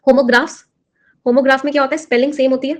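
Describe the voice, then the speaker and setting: A woman teacher with a slightly high voice runs an exam-prep lesson. She explains in Hindi mixed with words and keeps putting questions to her students. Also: little pitch movement, rapid-fire. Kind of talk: classroom lesson.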